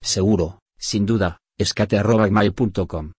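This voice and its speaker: A man reading short phrases one by one for a language lesson, slow and even. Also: lowish voice, slightly rough, no echo, studio quality. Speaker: phrase reader.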